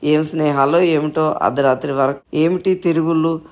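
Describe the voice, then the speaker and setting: A man voicing a quick-tempered, worried old grandmother who scolds her family, in a story reading. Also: a little high, steady tone, darkish tone, dull audio, close to an everyday voice. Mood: scolding. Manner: scolding, complaining.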